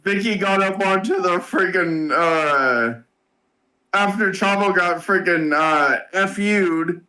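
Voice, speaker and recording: A man casually recapping a wrestling match, halting with many fillers and swearing often. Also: sits high, sharp tone, rough recording. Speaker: wrestling reviewer. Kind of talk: casual podcast chat.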